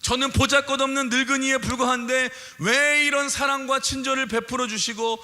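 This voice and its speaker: A man's voice: very high-pitched, fairly even intonation, brisk, bright, forceful tone, pitched above the performer's own voice, exaggerated voice. A man preaching voices the old Abraham, pleading emotionally with God, in a church with long reverb. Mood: awed.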